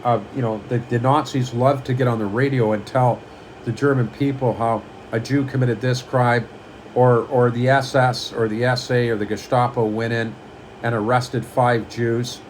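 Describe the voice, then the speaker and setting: A man's voice: medium pitch, flat delivery, normal speed, a little hiss or hum, low-quality recording. A man giving a lecturing monologue, reading items from a list and repeating them, often asking the listener whether they understand. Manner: repeats himself, asks "do you understand?". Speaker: channel host.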